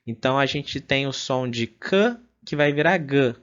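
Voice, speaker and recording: A man's voice: mid-range voice, expressive, fairly bright tone. A man teaching a beginner language lesson over slides, often adding "né?" and sounding out syllables one by one. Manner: fills pauses with "né?", spells out syllables slowly. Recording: dull lo-fi audio.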